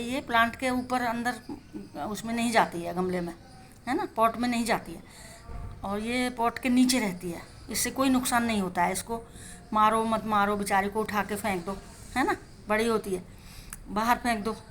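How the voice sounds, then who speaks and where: A woman's voice: medium pitch, slight background noise. A woman hosting a home gardening channel, chatting in a homely show-and-tell way and often checking in with the viewer. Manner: chatty, homely, keeps asking "है ना". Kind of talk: casual show-and-tell demonstration.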